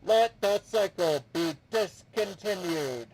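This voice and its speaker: A man voicing a cold robotic machine servitor unit with a metallic, clanging voice and slow, procedural delivery. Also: high voice, animated, a little mellow, husky, dry recording, pitched above the performer's own voice, full character voice, rough recording. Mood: alarmed. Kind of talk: reading game dialogue aloud.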